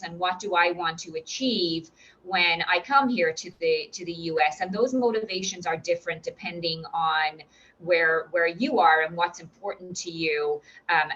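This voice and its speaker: An Irish woman from Ireland, a recruitment director, gives an upbeat and encouraging webinar presentation full of fillers and restarts. Her voice sits on the low side with a fairly bright tone, though the audio is dull.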